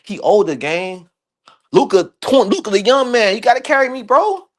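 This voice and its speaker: Brief: thirties man, animated debate guest, slangy and repetitive, slightly high pitch. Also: normal speed. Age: 30s. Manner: animated, repeats himself, slangy. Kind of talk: casual heated sports debate.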